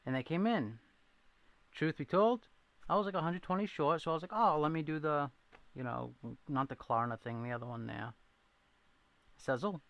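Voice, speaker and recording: A man from New England, near Rhode Island, with a thin Boston accent hosts a casual livestream, rambling, making self-deprecating jokes and reacting to chat. His voice is a little high and he talks at normal speed with long pauses. The recording is dry, and the highs are cut off.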